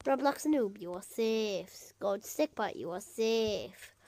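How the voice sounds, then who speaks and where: A woman's voice: medium pitch, lively intonation, takes it slowly, a little mellow, no echo. A woman hosting a homemade reality-show game, reading out votes and results one after another in casual commentary. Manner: reads out results in a running list. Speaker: host narrating a simulated reality show.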